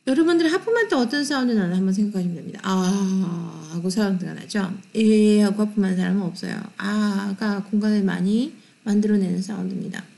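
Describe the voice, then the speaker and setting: A Korean-speaking woman teaching English pronunciation in an online lecture. She explains quickly in Korean, then reads the English example words and sentences slowly and deliberately. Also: mid-range voice, gravelly, mellow.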